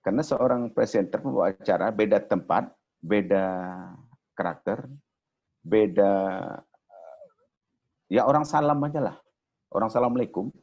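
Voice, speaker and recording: A deep-voiced man leads a broadcasting workshop, switching playfully into imitations as he explains intonation. His voice is low and slightly husky. The recording sounds dull and lo-fi. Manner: animated, mimics different voices. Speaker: broadcasting trainer. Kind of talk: workshop talk with imitations of greetings.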